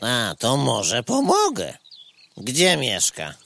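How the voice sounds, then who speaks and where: Slow, folksy, bright-voiced snail. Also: male voice, medium pitch, wildly swooping pitch, creaky, heavily acted. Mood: obliging. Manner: folksy, unhurried, rambling. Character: slow, courteous, homely rustic male snail. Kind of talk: comic radio play acting.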